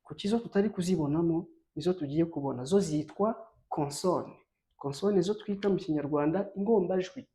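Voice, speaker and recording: A woman from Rwanda teaching a bilingual French lesson, slow and emphatic, stressing each letter she spells out. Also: lowish voice, dark tone.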